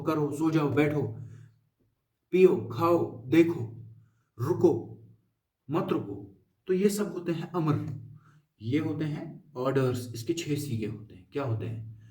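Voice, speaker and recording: A man teaching Arabic grammar, coaxing and pleading with his viewers to memorize as he drills verb forms in quick lists. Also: fairly high pitch, darkish tone, far from the mic. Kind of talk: classroom-style grammar lesson. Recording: echoey room, voice from away from the mic.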